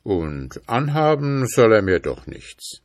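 A man's voice: lowish voice, dry recording, studio quality, pitched above the performer's own voice, heavily acted. A man playing a cool-headed young student. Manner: calm, quick-witted, unafraid. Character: bold, clever young male student.

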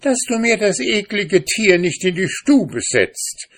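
A man reading aloud, voicing a sharp, mocking housewife who dismisses and scolds her husband. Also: high-pitched, sing-song, slow pace, voice pushed up, heavily acted. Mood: scolding.

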